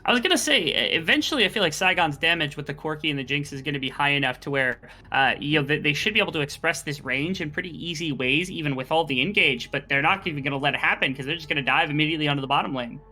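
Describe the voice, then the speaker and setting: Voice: medium pitch, fast talker, few pauses, sharp tone. An esports caster giving live commentary in a wordy, conversational, analytical way.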